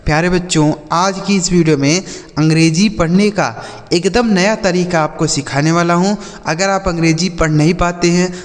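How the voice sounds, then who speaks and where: A teacher who questions and answers himself. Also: male voice, high-pitched, big-room sound. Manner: repeats questions and answers them himself, spells words letter by letter. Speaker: English teacher. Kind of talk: YouTube classroom lesson.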